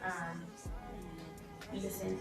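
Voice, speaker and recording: A woman's voice: lowish voice, flat delivery, very slow, gravelly. Chatty young woman in an echoey room. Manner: chatty, rambling, many fillers and restarts. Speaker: vlogger. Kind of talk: casual storytelling vlog. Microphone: laptop or phone camera mic. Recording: echoey room, voice from a distance, music playing.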